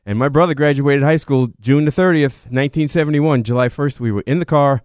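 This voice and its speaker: Man in his sixties, clear voice. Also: fairly high pitch, fairly quick, darkish tone, dry recording, studio quality. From Queens, New York. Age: 60s. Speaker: car show organizer and car collector guest. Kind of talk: casual radio interview.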